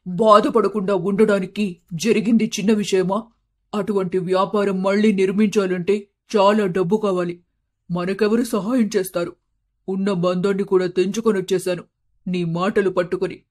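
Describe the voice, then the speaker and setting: An actor voicing an anguished middle-aged shop-owner husband in an animated storybook, loud and scolding as he laments. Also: high voice, moderate pace. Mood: grieving.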